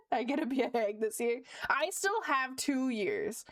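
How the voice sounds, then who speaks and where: A woman's voice: sits high, very animated, measured pace, a bit bright, no room sound, studio quality. A woman, chatting casually on her stream while she draws, upbeat, often laughing and using lots of fillers. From Canada (Ontario). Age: late 20s. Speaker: streamer and VTuber. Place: home room.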